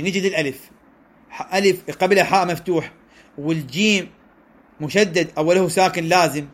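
A man's voice: a little high, fairly bright tone. Iraqi man teaching recitation rules. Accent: Iraqi Arabic. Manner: explanatory, checks in with listeners, draws out examples slowly. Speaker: religious teacher. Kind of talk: lesson on Quran recitation rules.

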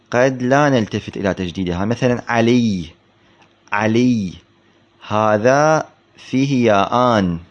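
Male grammar teacher, mid-pitched, deliberate lecture delivery with rhetorical questions, muffled lo-fi recording. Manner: slow, explanatory, repeats words for emphasis, asks rhetorical questions. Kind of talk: classroom text commentary. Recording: dull lo-fi recording.

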